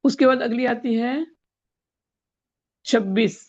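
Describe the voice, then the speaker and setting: Woman, tajweed teacher, higher voice, patient explanations, dull lo-fi sound. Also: fairly even intonation, darkish tone. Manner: explains slowly with verse numbers, chants Arabic verses. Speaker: Quran recitation teacher. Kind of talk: online tajweed lesson.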